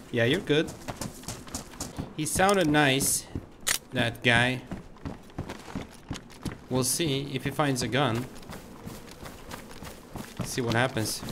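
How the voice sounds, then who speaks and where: A man's voice: mid-range voice, very slow, pauses often, noisy background. A man from Sweden chatting casually and laughing often while playing an online game. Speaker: gamer. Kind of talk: casual gameplay chat.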